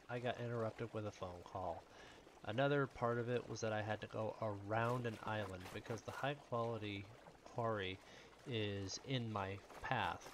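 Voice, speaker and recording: Blunt, swearing man over loud game sounds. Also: lowish voice, noisy background. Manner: profane, blunt, explaining step by step. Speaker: gamer giving a tutorial over gameplay. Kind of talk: casual voice-over commentary. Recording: game sounds of water and boat loud behind. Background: game audio of paddling and water.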